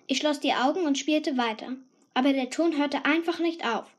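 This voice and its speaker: A woman reading a first-person story aloud with a lively, cheeky teenage tone. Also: high-pitched, moderate pace. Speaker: audiobook narrator. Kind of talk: scripted first-person narration.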